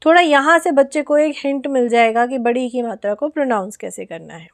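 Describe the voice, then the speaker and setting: High-voiced Indian woman teaching parents. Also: a little fast. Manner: explains step by step, stretches example words. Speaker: online teacher. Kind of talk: Hindi lesson for parents.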